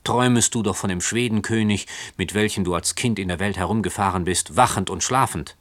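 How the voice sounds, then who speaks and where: A man's voice: fairly low pitch, a little fast, fairly bright tone, no room sound, natural voice. A man reading aloud voices a timid young man who pleads and whines. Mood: whining. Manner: pleading, whining. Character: timid, whining young man, a fearful cousin.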